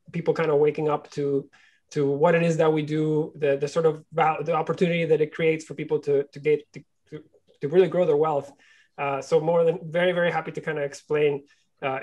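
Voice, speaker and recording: A man's voice: on the high side, a little mellow. A man from Venezuela answering interview questions, often restarting and repeating words. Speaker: guest, company co-founder.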